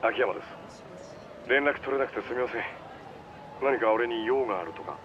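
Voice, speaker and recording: In a video game cutscene, a man plays a shrewd, polite, easygoing underworld informant who explains things casually over the phone. His mid-range voice is expressive and fairly quick, close to how someone talks every day, with a casual but cautionary mood. The audio sounds like a dull phone call with street noise behind it.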